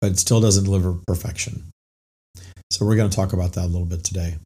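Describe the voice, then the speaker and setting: A middle-aged man speaks low in a badly hoarse voice, raspy and whispery, as though it has almost gone. He delivers an informal motivational monologue in the manner of a coach hosting his own podcast. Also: fairly even intonation, quick pace, warm tone. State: hoarse, nearly lost voice. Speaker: podcast host and spiritual coach.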